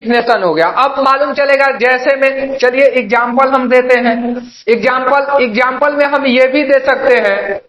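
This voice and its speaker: A young male teacher from Bihar speaks at a moderate pace in a very high-pitched voice, running an online grammar lesson built on repetitive call-and-response. He answers his own questions and addresses students as "babu." The sound is lo-fi and roomy.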